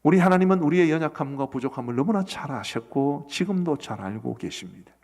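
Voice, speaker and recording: A man's voice: on the high side, expressive, brisk, gravelly, a little mellow. A middle-aged man preaching a sermon as pastor, earnestly asking his congregation questions. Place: church sanctuary. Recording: long church hall reverb.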